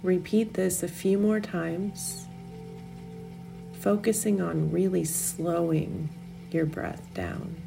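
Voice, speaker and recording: Over music, a woman talks listeners through a meditation with a steady tone. Her voice sits fairly low and creaks heavily at the edges, and she moves very slowly and soothingly, letting long pauses fall between her gentle instructions.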